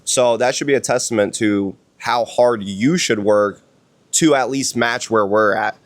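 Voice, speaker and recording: A man's voice: medium pitch, unhurried. Hungover, blunt, slangy man giving a pep talk. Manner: blunt, slangy, heavy swearing; emphatic, repeats phrases for stress. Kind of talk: casual motivational podcast talk. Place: outdoors on a villa balcony.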